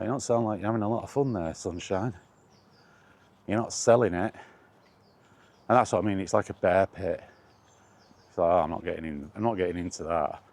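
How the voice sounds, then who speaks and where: This British man's voice is low-pitched with a darkish tone. He chats casually and wryly about gaming, rambling in colloquial fashion as a solo vlogger might while thinking aloud.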